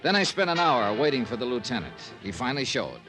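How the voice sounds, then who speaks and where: Over music on an old-time radio recording, a man narrates as the lead detective, a wry, persistent insurance investigator in the clipped manner of 1950s radio drama. His medium-pitched voice is sing-song and brisk, lightly acted, and his wry, measured mood comes through in punchy, conversational lines.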